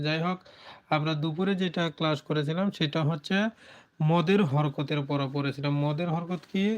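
A man teaching Quran reading on a live stream, patient, repeating examples slowly with many filler sounds. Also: on the high side.

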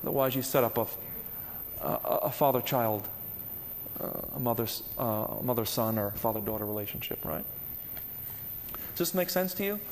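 A man's voice: medium pitch, moderate pace, long pauses, big-room sound, slight background noise. A man giving a spiritual lecture to a live audience, earnest and conversational, often putting questions to his listeners.

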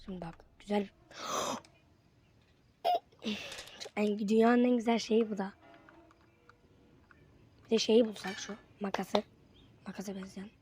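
A woman giving casual commentary while playing a horror game, excitable and quick to get frustrated. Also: mid-range voice, slight background noise. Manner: excitable, bursts into frustrated yelps. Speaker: gamer.

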